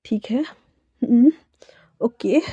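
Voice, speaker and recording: A woman voicing a desperate young woman who cries and begs her lover to stay, her pitch pushed high and tearful. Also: drawn-out words, dark tone, slightly rough, no room sound, lo-fi sound, full character voice. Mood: pleading. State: crying.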